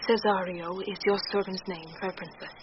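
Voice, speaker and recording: A woman's voice: mid-range voice, steady tone, moderate pace, lightly acted. A British woman playing a witty, courteous heroine disguised as a young male page, speaking formal Shakespearean verse in a radio drama. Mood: humble, earnest. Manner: formal, poised verse delivery. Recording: muffled 1990s radio broadcast, clear noise.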